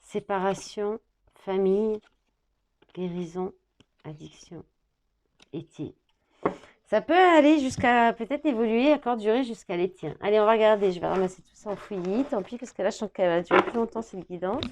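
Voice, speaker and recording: A woman giving a tarot reading to camera, thinking out loud as she reads the card words and dropping in small fillers. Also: medium pitch, animated, moderate pace.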